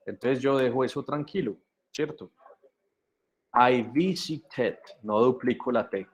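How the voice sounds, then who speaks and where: A male teacher runs an English lesson over a video call. He talks slowly and patiently, with a mid-range voice. He switches between English and Spanish as he explains. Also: mid-range voice. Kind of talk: online class, bilingual teaching. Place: video conference.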